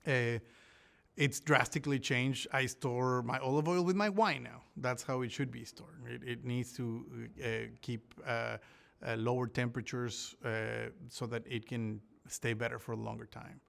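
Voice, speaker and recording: Man from Ecuador, smooth voice, halting. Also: mid-range voice, fairly even intonation, a bit bright. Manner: thoughtful, many restarts and fillers. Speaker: olive researcher. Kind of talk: interview answers.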